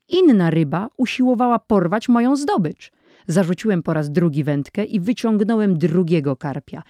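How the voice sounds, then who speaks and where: A narrator voicing a proud, excited young boy telling how he caught fish, in an audiobook. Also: mid-range voice, no room sound, lightly acted. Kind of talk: audiobook character voice.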